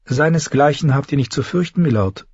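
A man voicing a soft-spoken, eager young woman in an audiobook reading, with a softened, raised voice. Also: mid-range voice, a little fast, breathy edge, dry recording, voice pushed up. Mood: soft, sleepy. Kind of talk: audiobook character voice. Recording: dull lo-fi recording.

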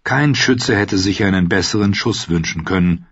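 A man reading a story aloud as an audiobook narrator, in a steady, even storytelling manner with a husky voice. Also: low voice, normal speed, dry recording, lo-fi sound.

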